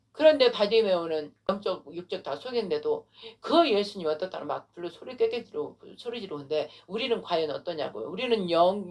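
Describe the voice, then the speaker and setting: A woman pastor preaching a sermon, retelling a story with animated delivery and frequent rhetorical questions. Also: lowish voice.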